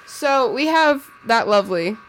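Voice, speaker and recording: A woman's voice: on the high side, animated, low-quality recording. A young woman co-hosting a podcast, gushing and joking as she chats casually about TV shows. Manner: bubbly, gushing, quick to joke. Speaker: podcast co-host. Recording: faint background noise.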